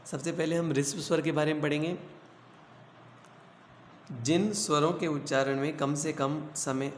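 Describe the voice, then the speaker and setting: A man teaches a classroom grammar lesson in a slightly high voice. He poses each question aloud and answers it himself, repeating the main points for his students. The sound is roomy, with a long reverb tail and a faint hiss behind it. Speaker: Hindi teacher.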